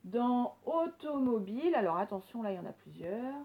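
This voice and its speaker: A woman teacher recording a reading lesson for young children, slowly sounding out words and giving gentle instructions. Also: on the high side, very animated, narrow, tinny audio. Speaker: primary school teacher.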